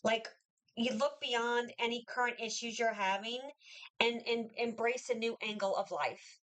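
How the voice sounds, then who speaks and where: A woman's voice: fairly high pitch, fairly even intonation, unhurried, fairly bright tone, poor audio. A woman reading tarot cards for viewers in a chatty, reassuring way, with many fillers and restarts. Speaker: tarot reader.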